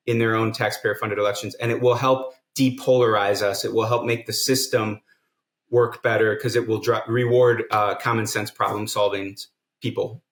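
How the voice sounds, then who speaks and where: Guesting on a podcast, a man who co-founded a nonprofit lays out his case earnestly, one point after another. He speaks in a steady, mid-range voice, and the indoor space adds a clear roomy echo.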